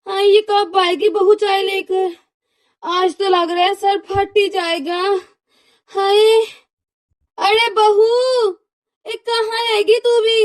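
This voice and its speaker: A woman voicing a nagging older mother-in-law in a cartoon, scolding her daughter-in-law with shrill, drawn-out wails. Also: no echo. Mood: whining, calling. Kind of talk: cartoon voice acting.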